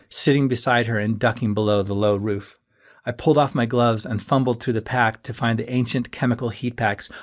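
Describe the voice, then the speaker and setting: Brief: male author-narrator, first-person audiobook reading, earnest, mid-pitched voice. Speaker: author reading his novel.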